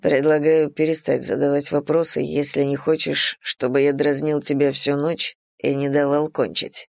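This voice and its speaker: A woman reader voicing a dominant, teasing man in an erotic romance audiobook, speaking low, slow and hushed. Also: flat delivery, creaky, dry recording, studio quality. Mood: teasing, commanding.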